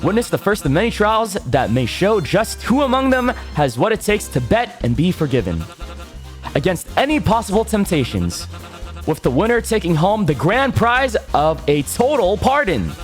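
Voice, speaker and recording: A man voicing a showy game show host with a booming, theatrical prize announcer delivery. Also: very animated, normal speed, faint music behind. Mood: grand, welcoming. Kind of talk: scripted game show presenting.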